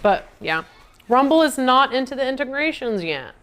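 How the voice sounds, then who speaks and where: A woman's voice: sits high, big pitch swings, moderate pace, a bit bright. A woman livestreaming from her home kitchen, chatting to viewers while she cooks. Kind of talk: casual livestream chat.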